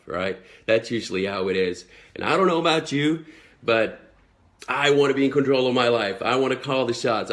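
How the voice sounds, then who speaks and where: This man's voice sits on the low side with a fairly bright tone. He's a network marketing entrepreneur from Sweden, in his twenties, using an American accent learned in the US as he speaks earnestly and motivationally to followers on a live video, filling it with plenty of fillers.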